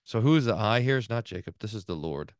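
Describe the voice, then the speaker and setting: A middle-aged man, a pastor, teaching a Bible class, reading passages aloud and explaining them in a lively way, often repeating words as he thinks aloud. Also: on the low side, fast talker, no room sound.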